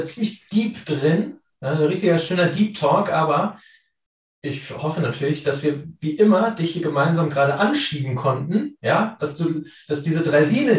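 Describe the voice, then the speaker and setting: A man's voice: on the high side, recorded from a distance. A man hosting a podcast, coaching his listeners with many casual fillers. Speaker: podcast host. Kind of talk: podcast chat and wrap-up. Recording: roomy sound from off the mic.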